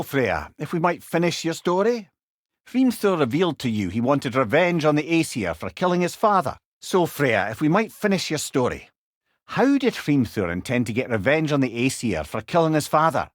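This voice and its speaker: In dramatic video game dialogue, a man voices a witty, wise old storyteller with a Scottish accent, eloquent, wry and conversational. His voice is on the high side and very animated at a moderate pace, sounding curious and prompting. The recording is dry and studio quality.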